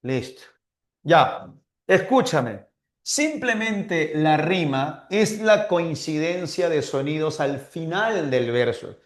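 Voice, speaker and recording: A man's voice: on the high side, very animated, slow pace, echoey room. A man teaching literature in an online class, stretching out words as he dictates verses and playfully imitating confused students.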